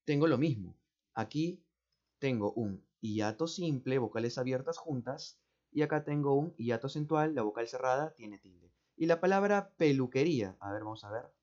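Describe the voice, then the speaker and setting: A man with a Peruvian accent explains exam answers step by step, speaking slowly, repeating words and often checking with "¿no?" or "¿cierto?". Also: mid-range voice, expressive, darkish tone. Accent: Peruvian Spanish. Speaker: teacher. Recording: dull, muffled audio.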